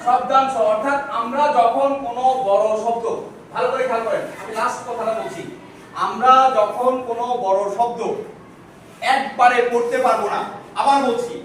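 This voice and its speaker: A man's voice: very high voice, steady tone, normal speed, a bit bright. A man teaching a class, asking questions and having the students repeat answers back. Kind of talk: classroom teaching, call and response. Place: large echoey classroom. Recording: echoey room, distant mic, noisy.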